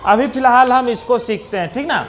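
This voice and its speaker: Here a man's extremely high-pitched voice, with a Bihari Hindi accent, walks young children through letters and sounds one by one with patience. He keeps a moderate pace in this slow classroom explanation, and there's slight background noise.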